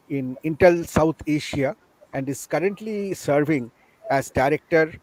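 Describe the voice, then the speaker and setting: A man with an Indian English accent, a professor giving a formal introduction over an online conference call whose audio keeps breaking up, speaking in a halting, stop-start way. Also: mid-range voice, a little mellow, no room sound, rough recording. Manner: halting, stop-start delivery with frequent pauses. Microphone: video call.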